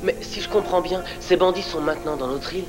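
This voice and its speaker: A man's voice: sits high, fast, music in the background, lightly acted. A man voicing a worried, thoughtful teenage boy in a French cartoon dub, sounding concerned.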